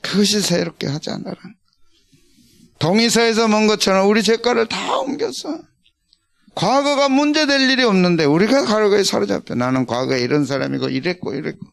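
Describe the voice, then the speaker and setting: A man's voice: sits high, expressive, moderate pace, creaky. An older man, a senior pastor, preaching a conversational, emphatic sermon and calling out to his congregation.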